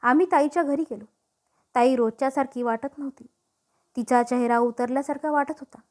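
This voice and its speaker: High-voiced woman narrating a story. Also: a little fast, a little mellow.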